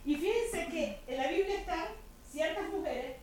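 A high-pitched woman preaches to a women's group in a chatty, humorous way, checking in with her listeners through rhetorical questions. Her voice rings around an echoey church room, with a faint murmur of ambience underneath. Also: animated, unhurried, darkish tone, a little hiss or hum. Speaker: women's ministry speaker. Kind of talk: conversational sermon to a women's group.

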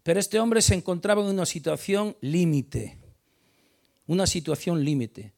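A man preaching a sermon, emphatic, stressing key words loudly before dropping quiet, often repeating words as he restarts. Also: high-pitched, animated, normal speed, vocal fry. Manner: emphatic, builds to loud stressed peaks then drops quiet. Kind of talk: sermon on a Bible passage.

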